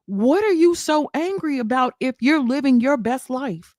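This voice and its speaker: A woman's voice: high-pitched, animated, normal speed, a little mellow, no echo, clean studio sound. A woman, hosting a casual commentary stream, sassy and laughing, firing off emphatic rhetorical questions.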